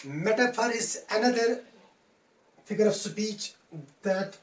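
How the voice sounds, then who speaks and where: A woman's voice: mid-range voice, slow pace. A woman teaching English poetry in a methodical lecture, restating each point in simple words. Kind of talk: explanatory classroom lecture. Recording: roomy sound from a distance.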